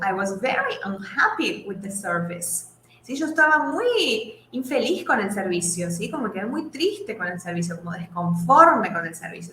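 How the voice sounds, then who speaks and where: A woman gives an English lesson, her voice bright and her pitch moving a lot. She explains step by step and checks in with the class after every point. The room sounds echoey, with faint noise behind her. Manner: explains slowly, asks "¿sí?" after each point. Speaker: English teacher.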